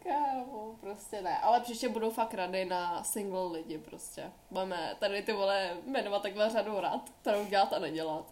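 A woman's voice: mid-range voice, hardly any pauses, darkish tone. A young woman co-hosting a podcast, chatting casually in a slangy, giggly, rambling way. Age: young adult. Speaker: podcast co-host. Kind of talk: casual chat.

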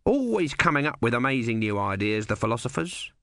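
Man voicing a dry, knowing tortoise god, lively delivery, close dry sound. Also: mid-range voice, a little fast, no room sound. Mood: sardonic. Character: sardonic small tortoise god, male.

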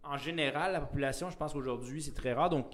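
A man's voice: a little high, fast, fairly bright tone. A man with a Québécois French accent, co-hosting a podcast in casual chat, often hesitating and repeating words. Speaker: podcast co-host.

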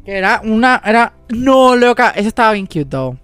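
A man's voice: sits high, sing-song, moderate pace, fairly bright tone, smooth, faint music behind. A Puerto Rican man hosting a casual podcast chat, blunt and prone to swearing, peppering Spanish with English slang. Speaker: podcast host.

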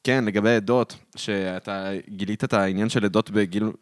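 Low-voiced Israeli man chatting casually. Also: steady tone, no room sound, clean studio sound. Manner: colloquial, sprinkles English words into speech. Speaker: podcast co-host. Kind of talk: casual conversation.

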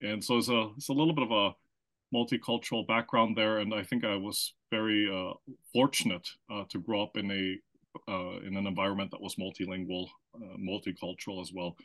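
With a lowish, fairly bright voice and fairly even intonation, he speaks a little fast. The Austrian-born marketing consultant, who grew up in the Philippines, is a guest answering interview questions in a chatty, explanatory way, often asking "right?" and starting sentences over.

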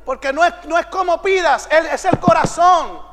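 A man preaching a sermon as a pastor to his congregation in a church, building to emphatic shouted declarations and bantering playfully with the listeners. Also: very high-pitched, normal speed, a little hiss or hum. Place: church sanctuary. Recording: long hall reverb.

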